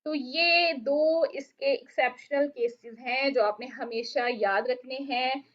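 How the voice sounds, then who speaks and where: A woman teaching Quran recitation rules, patiently explaining and asking questions she then answers herself, with slow drawn-out recited verses. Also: a little high. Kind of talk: online tajweed lesson. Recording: dull lo-fi audio.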